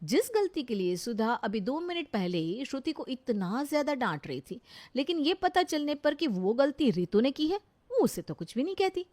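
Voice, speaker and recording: A woman narrating a family story in a steady, explanatory way. Her voice sits slightly high. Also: normal speed.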